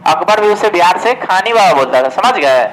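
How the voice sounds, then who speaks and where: A man with a high, animated voice talks briskly in a slightly bright tone, over a low-quality recording with a little hiss or hum. He's an exam coaching teacher giving a casual history lesson for exam prep, posing questions and answering them himself and often saying "ठीक है".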